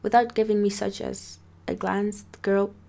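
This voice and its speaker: A woman reads a first-person story aloud in an amateur way, tripping over words and restarting them. She breaks in with casual asides, and her voice sits at a middle pitch. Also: level tone, moderate pace, creaky, dark tone. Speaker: story reader.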